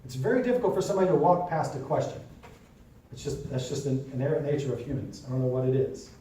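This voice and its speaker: A man's voice: mid-range voice, fast talker, warm tone, a little hiss or hum. A man teaching real estate agents in a classroom, talking casually and checking in with the class often. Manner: conversational, keeps checking in with the class. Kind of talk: classroom lesson with role-play. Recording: echoey room from far off.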